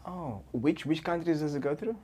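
A man's voice: fairly high pitch, moderate pace, warm tone, breathy edge. A man with a South African accent hosting a casual interview, colloquial, dropping in short questions and echoes. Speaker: podcast host.

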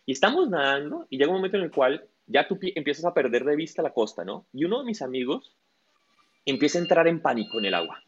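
A man's voice: on the high side, big pitch swings, fast, slightly rough. A man, a guest coach in a casual interview, telling stories and acting out what people said. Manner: tells stories with acted-out quotes. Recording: dull lo-fi audio.

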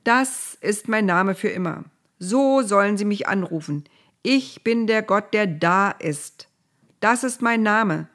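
A woman reading a storybook aloud, voicing God speaking from a fire in solemn, deliberate, repetitive proclamations. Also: medium pitch, expressive, fairly bright tone, voice pushed up.

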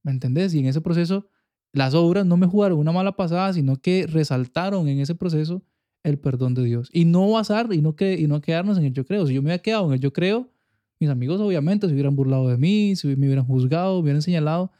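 On an easygoing faith podcast, this young male co-host with a Costa Rican accent speaks quickly, his warm voice pitched a little high. He comes across as earnest and frequently checks understanding with "you get me?".

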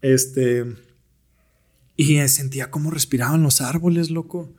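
A man's voice: a little high, steady tone, unhurried, a little mellow, husky. A young man with a Mexican accent, a podcast guest telling stories in slangy, laid-back talk. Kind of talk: casual storytelling interview.

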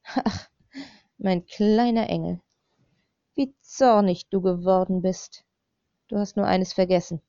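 A woman's voice: mid-range voice, slow pace, pauses often, warm tone, no echo. A woman voicing a man who stalks and threatens a young woman, mocking and coaxing in turn, on a slightly dull recording.

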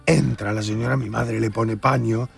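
A man's voice: on the low side, steady tone, normal speed, creaky, soft background music. A man in his seventies with a Rioplatense Spanish accent tells a comic childhood story, insisting on his point and acting out the scenes. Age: 70s. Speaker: storytelling guest. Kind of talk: comic anecdote on a talk show.

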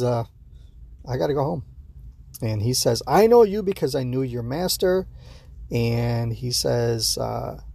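A man's voice: mid-range voice, creaky, darkish tone, slightly rough. A man hosting a show, giving a casual, rambling reaction recap full of fillers and acted-out quotes. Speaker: show host.

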